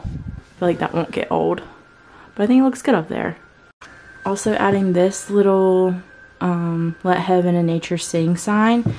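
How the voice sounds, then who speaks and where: A woman's voice: on the low side, mellow, slight background noise, poor audio. Chatty woman vlogger with a sore throat. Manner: chatty, many "like" fillers. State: sore throat, cough drop in mouth. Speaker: lifestyle vlogger. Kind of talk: casual chat. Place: home guest bedroom.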